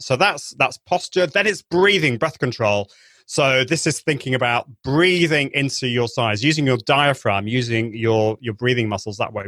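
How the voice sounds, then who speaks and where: Fairly bright in tone and mid-range in pitch, this man's trained singing voice comes through with no room sound. He's a live video trainer being interviewed over a call, explaining enthusiastically and frequently restarting.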